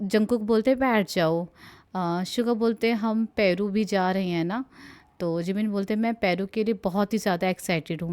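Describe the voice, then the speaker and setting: A woman's voice: mid-range voice, darkish tone, smooth. A young woman casually retelling a live stream in Hindi, reading out what each person said and often laughing as she goes. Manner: giggly, chatty, breaks into laughter while reading. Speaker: fan translator narrating a live stream.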